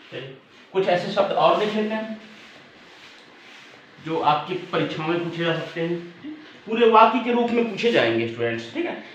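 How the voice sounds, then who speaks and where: A man teaching an online exam-prep lesson, spelling out words slowly and checking in with his students often. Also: on the high side. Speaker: Hindi teacher. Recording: muffled echoey room, faint background hum.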